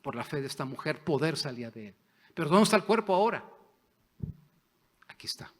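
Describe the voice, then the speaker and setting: Man, pastor, impassioned sermon, loud then hushed, long church reverb. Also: on the high side, big pitch swings, fast talker. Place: church sanctuary.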